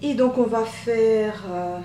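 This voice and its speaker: Woman, soft voice, casual tutorial chat, hesitant; distant mic, roomy, loud hum behind. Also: fairly high pitch. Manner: chatty, hesitant with many pauses. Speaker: beauty vlogger. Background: machine hum.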